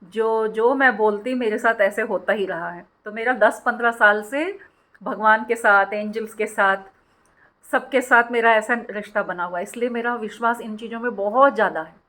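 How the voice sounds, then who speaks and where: A middle-aged woman with a somewhat higher voice talks casually to her viewers, mixing English words into her talk. Her tone is chatty and personal, as if she is sharing a story with friends. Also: pushed and bright. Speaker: spiritual channel host.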